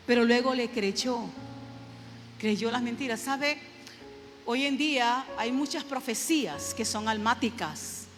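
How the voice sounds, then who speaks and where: A woman's voice: fairly high pitch, a bit bright, in a large hall. A middle-aged woman preaching a sermon, emphatic and repetitive, often asking the congregation "¿sabe?". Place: church sanctuary.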